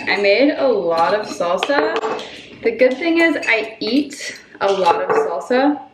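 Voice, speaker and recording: A woman's voice: medium pitch, sing-song, slow pace, music in the background. A young woman in her twenties chatting casually to camera at home, rambling and self-deprecating with lots of ums and likes. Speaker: lifestyle vlogger. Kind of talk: casual vlog chat to camera. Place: at home, apartment.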